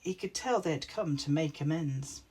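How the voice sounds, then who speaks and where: A woman reading her own rhyming picture book aloud in an expressive storytelling manner. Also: deep voice, moderate pace, slightly rough. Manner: expressive, warm rhyming delivery.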